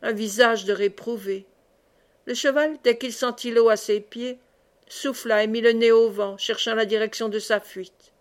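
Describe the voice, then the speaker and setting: A woman reading a classic novel aloud as an audiobook, expressive in the dialogue. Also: a little high, moderate pace. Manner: expressive, raises voice for cries. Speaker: audiobook reader.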